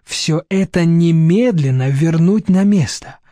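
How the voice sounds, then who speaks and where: A man's voice: fairly high pitch, mellow, no echo, studio quality, close to an everyday voice. A man reading a steely, commanding woman. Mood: stern. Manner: slow, cutting, steely. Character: stern middle-aged woman, shrewd and commanding.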